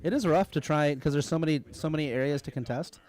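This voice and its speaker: A man's voice: on the high side, fast talker, darkish tone. A man chatting casually as a guest on a game stream, joking and self-deprecating. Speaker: player and guest co-commentator. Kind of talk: casual chat.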